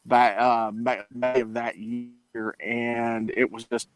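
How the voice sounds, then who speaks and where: A man joining a discussion over a remote call, his voice breaking up on a bad connection, speaking in a halting, apologetic way. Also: mid-range voice, little pitch movement, no room sound. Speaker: panel guest. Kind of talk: casual discussion.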